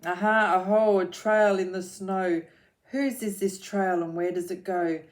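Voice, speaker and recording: A woman voicing the Gruffalo's child, a young female monster who is curious and brave, for a storybook read aloud to children. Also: on the low side, normal speed, dark tone, lightly acted. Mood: excited. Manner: eager, questioning.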